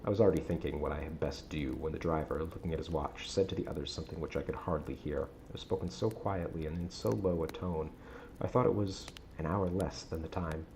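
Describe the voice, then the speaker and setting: A man reading a gothic novel aloud with a measured, dramatic storytelling delivery. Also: rumbling low, fairly even intonation, vocal fry, noisy background. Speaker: audiobook-style reader on a stream.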